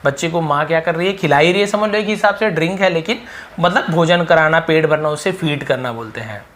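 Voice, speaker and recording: A man's voice: on the high side, fairly quick, a bit bright. A young man teaching a vocabulary lesson, explaining patiently and repeating each word.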